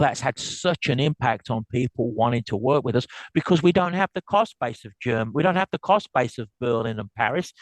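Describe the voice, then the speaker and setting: A man with a South African accent speaks in a brisk, upbeat way, often restarting his sentences as he explains business points. His voice sits at a middle pitch and sounds dry and close, with no room echo. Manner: quick, upbeat, frequent restarts. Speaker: guest speaker. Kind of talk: business lecture and Q&A.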